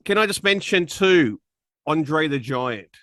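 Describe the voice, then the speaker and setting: A man's voice: a little high, lively intonation, takes it slowly, bright, forceful tone, dry recording. A man hosting a podcast, chatting casually in a joking, teasing way. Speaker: podcast host.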